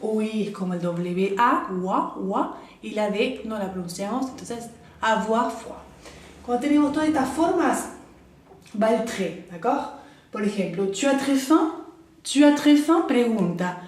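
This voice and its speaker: A woman teaching French grammar, slowing down to model each French word and often checking that her viewers follow. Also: fairly high pitch, animated. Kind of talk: explaining grammar to the camera. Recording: echoey room.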